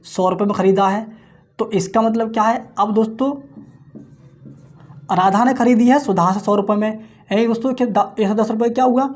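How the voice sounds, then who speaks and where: A man teaching an exam-prep maths lecture, working sums aloud in quick times-table chants, addressing his viewers as friends in nearly every phrase, and asking questions that he answers himself. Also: high-pitched, fairly even intonation.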